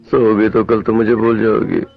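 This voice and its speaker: A man's voice: on the low side, level tone, normal speed, faint music behind. An actor dubbing a young man in love, coaxing and then shrilly pleading, on a dull film soundtrack. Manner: coaxing, later squealing in panic. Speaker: young lover in a dubbed film.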